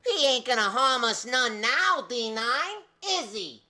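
A woman's voice: fairly high pitch, expressive, measured pace, bright, forceful tone, slight background noise, full character voice. A woman playing a menacing, mocking robot thug, drawling like a gangster in a radio drama. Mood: mocking menace. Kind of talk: retro sci-fi radio drama acting.

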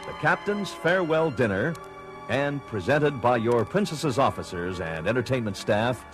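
A man narrates a travel promo with lively, swooping intonation over clear background music. The delivery is polished, florid and scripted to sell. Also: medium pitch, moderate pace. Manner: florid, salesmanlike.

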